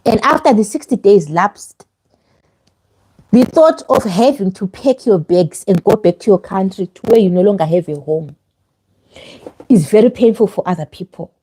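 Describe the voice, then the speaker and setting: A woman's voice: medium pitch, lively intonation, moderate pace, mellow, breathy edge. A woman live streaming visa advice; her microphone sound is fuzzy and distorted, and she speaks in a direct, emphatic way that repeats itself. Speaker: vlogger giving visa advice. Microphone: clip-on microphone, later removed.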